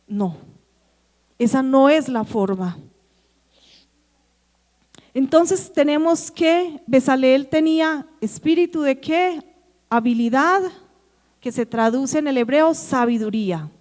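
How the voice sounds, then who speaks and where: Woman preacher, Colombian Antioquia accent, high voice, lively sermon, questions the congregation, long church-hall reverb. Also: slow, pauses often. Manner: lively, acts out quoted dialogue, asks the congregation questions.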